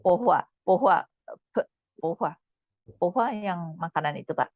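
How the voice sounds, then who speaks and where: Low, gravelly-voiced woman teaching Mandarin. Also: expressive, a little slow, no room sound, narrow, tinny audio. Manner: patient explaining with frequent "eh" fillers. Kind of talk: online language lesson.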